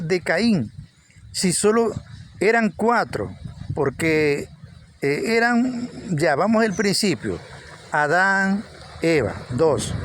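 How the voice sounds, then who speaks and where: A man's voice: sits high, a little hiss or hum. A man preaching an informal Bible teaching, repeating words for emphasis. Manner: repeats words for emphasis, rising with energy at points.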